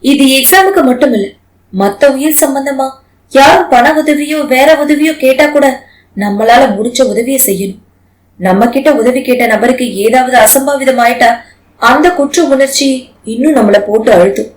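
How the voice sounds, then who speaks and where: A woman voicing a caring young husband who consoles his wife in a calm, gently lecturing way. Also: sits high, normal speed, roomy sound, lightly acted, low-quality recording. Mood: reassuring.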